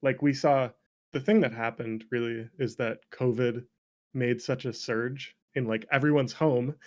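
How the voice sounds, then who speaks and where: A man appears as a guest game developer in a casual chat, speaking with a mid-range voice. He's candid and animated and laughs easily.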